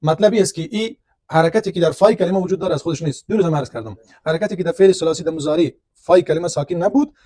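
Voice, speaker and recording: High-voiced male teacher. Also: dark tone, no room sound. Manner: explains step by step, asks and answers his own questions. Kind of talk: classroom lecture on grammar.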